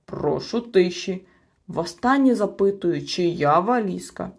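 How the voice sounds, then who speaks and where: A woman's voice: fairly low pitch, expressive, slow pace, heavily acted. A woman doing a pompous little creature judge. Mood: officious. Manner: pompous, clipped and officious. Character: stern self-important male storybook creature acting as judge.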